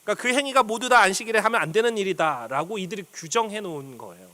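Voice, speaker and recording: A man preaching a sermon as pastor. He explains step by step like a teacher, pausing on fillers, and reads scripture passages aloud. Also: high-pitched, expressive, pushed and bright. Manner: reads scripture aloud and acts out quoted speech.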